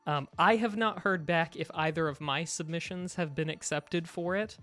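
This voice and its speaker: A man co-hosting a podcast, chatting casually and haltingly with frequent asides. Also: on the high side, a bit bright, no room sound, faint music behind. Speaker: podcast co-host. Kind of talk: casual chat.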